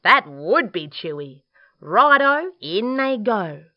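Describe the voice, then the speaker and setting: A woman voicing a boastful, gleeful male dingo in a children's storybook, with excitable, singsong delivery. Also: medium pitch, slow pace, muffled recording, close to an everyday voice.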